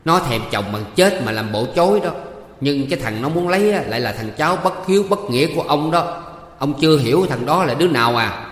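A man voicing a bossy, quick-tempered middle-aged village wife who scolds and shouts threats. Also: mid-range voice, lightly acted. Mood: spiteful. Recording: echoey room with long reverb.

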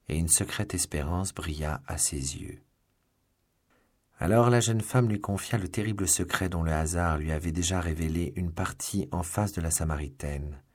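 A man narrating a classic novel in a measured, expressive audiobook reading. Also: low-pitched, husky. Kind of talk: scripted narration.

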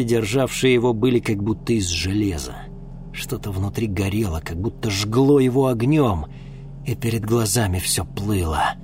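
A man calmly reading an audiobook as the narrator. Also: medium pitch, a little hiss or hum.

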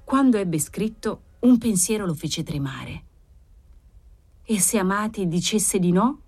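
A woman narrating a classic novel as an audiobook, in a measured, expressive reading. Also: medium pitch, husky, soft background music. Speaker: audiobook reader.

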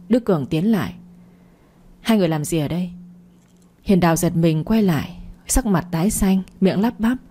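A woman narrating a storybook in a steady, even reading. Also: on the low side, husky.

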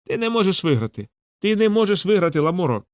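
A man's voice: a little high, big pitch swings, fairly quick, no echo, studio quality, voice pushed up. A man doing a gloating, savage crime lord. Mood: savage taunting.

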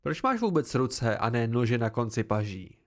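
A man reading the part of a stern, demanding female combat teacher who lectures in sharp questions. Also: mid-range voice, very animated, pitched below the performer's own voice, lightly acted. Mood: stern lecturing.

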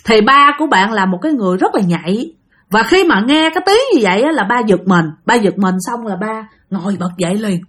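A woman's voice: mid-range voice, expressive, a little fast, a bit bright. A woman narrating a ghost story dramatically, speaking straight to her listeners. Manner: dramatic, addresses listeners directly.

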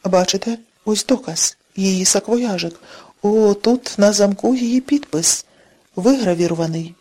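A man's voice: high-pitched, measured pace. Woman reading as an enraged jealous husband. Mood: accusing. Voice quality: shouting, accusing. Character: jealous hot-tempered middle-aged husband.

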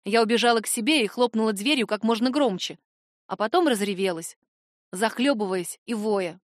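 A woman reading a first-person audiobook in an expressive, confiding way. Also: on the high side, normal speed, no echo, studio quality. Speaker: audiobook reader.

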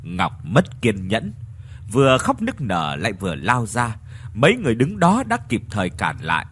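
A man narrating a horror story in an expressive, dramatic storytelling manner. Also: fairly low pitch, moderate pace, a little hiss or hum.

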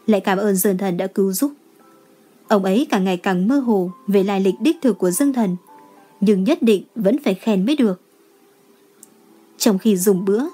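A woman reading a romance novel aloud as an audiobook narrator, telling the story in a steady manner. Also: mid-range voice. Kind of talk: scripted narration.

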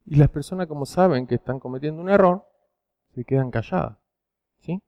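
A man's voice: a little high, a little fast, lo-fi sound. A man preaching to teenagers with a Rioplatense Spanish accent, telling stories and often checking in with a rhetorical "¿sí?". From Argentina. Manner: storytelling, frequent rhetorical "¿sí?" checks. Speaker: youth preacher. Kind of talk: sermon to teenagers.

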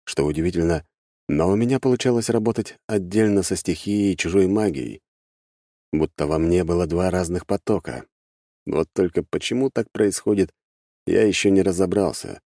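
Deep, mellow male storyteller, measured and wry, dry booth sound. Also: no echo. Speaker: audiobook narrator. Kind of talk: scripted first-person fantasy narration. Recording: dry close studio sound.

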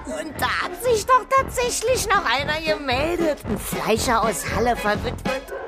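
A giggly, gossipy middle-aged landlady with a high, bouncing voice. Loud music plays under her in this radio drama. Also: sing-song, normal speed.

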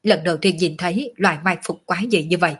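A woman voicing a brash young male swordsman in a storybook reading, scornful and coarse, in her own husky voice. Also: fairly low pitch, fast talker. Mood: mocking.

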